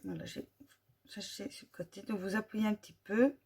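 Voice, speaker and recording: A woman with a French accent casually reviewing glitter paint tubes, slowly listing colour numbers with frequent fillers. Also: medium pitch, noisy background. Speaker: vlogger.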